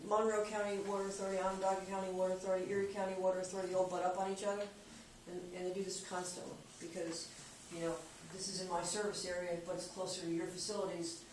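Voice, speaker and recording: At a board meeting around a conference table, a water department official gives a casual, plain-spoken report, thinking aloud and restarting often. His mid-range, darkish voice is flat and rapid-fire, caught by a far-off camera in an echoey room with background noise.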